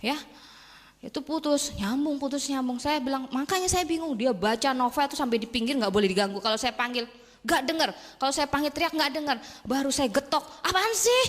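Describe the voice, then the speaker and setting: A woman giving a motivational talk, telling animated stories and acting out the voices of the people in them. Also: high-pitched, a little fast. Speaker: motivational speaker. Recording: long hall reverb.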